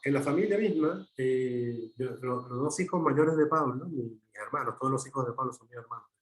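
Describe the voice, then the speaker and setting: Man, middle-aged, interview guest, halting, reflective, mid-pitched voice. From Chile. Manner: halting, many restarts and fillers. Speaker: guest filmmaker.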